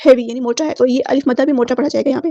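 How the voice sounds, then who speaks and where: A woman with a high voice gives a word-by-word tajweed lesson. She chants each word in a long, slow recitation, then explains the rules in brisk, plain speech. The sound is close and dry, with a slightly dull tone. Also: steady tone, mellow, dry recording. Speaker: Quran recitation teacher.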